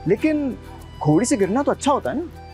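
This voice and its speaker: An actor playing a wisecracking husband with dry one-liners in a TV drama. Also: male voice, very high-pitched, big pitch swings, a little fast, a little mellow, faint music behind. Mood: teasing. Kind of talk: TV drama acting.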